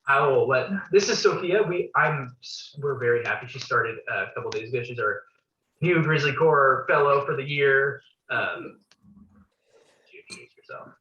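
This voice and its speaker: Bright-voiced man on an echoey call. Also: medium pitch, expressive, normal speed. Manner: easygoing, stumbling over words. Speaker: meeting participant. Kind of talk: casual video-call chat. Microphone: video call. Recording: echoey lo-fi call, distant mic, faint hiss.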